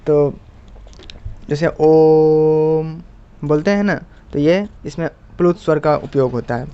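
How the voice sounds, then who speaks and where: Smooth higher-voiced man teaching. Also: animated. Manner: patient, repeats points and checks in with "है ना"; draws out example sounds slowly. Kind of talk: explanatory lesson. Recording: muffled lo-fi recording.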